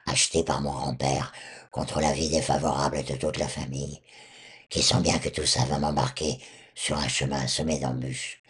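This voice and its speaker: An older man with a hoarse, honking duck-like voice, recounting his memories at a measured pace as a former singer. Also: extremely low pitch. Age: 60s or older. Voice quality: honking duck-like voice, hoarse and rough from removed vocal cords. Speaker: former rock singer, interview guest.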